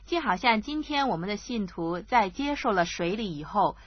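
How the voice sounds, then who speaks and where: A woman co-hosting a scripture discussion, her voice slightly husky and at a medium pitch. She speaks in a calm, measured way, often just giving short affirmations. The sound is dry and a bit muffled. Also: no echo. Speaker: co-host asking questions. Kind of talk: Bible discussion.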